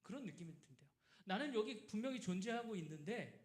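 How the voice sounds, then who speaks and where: Male pastor preaching to his congregation, playing out voices as he goes, lively pitch, recorded in a reverberant sanctuary. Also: fairly quick. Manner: acts out quoted people in lively asides, asks the congregation questions. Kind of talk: sermon. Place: church sanctuary. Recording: roomy church echo.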